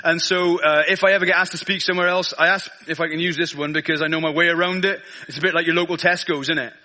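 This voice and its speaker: A man's voice: fairly high pitch, fairly even intonation, fast talker, sharp tone. A man with a South Wales Valleys accent preaching an informal sermon in a chatty, self-deprecating, colloquial way. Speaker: guest preacher.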